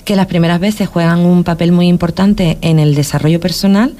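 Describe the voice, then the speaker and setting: Her pitch fairly low and her tone steady and dark, a woman from Spain talks a little fast as she hosts local radio. The delivery is casual and reflective, full of restarts, repeated words, and tag questions.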